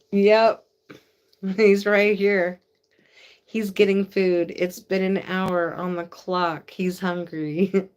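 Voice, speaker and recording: A woman's voice: medium pitch, little pitch movement, slow pace, clear, resonant tone. An older woman hosting a casual live stream, laughing often and chatting with her dog and viewers. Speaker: livestream host.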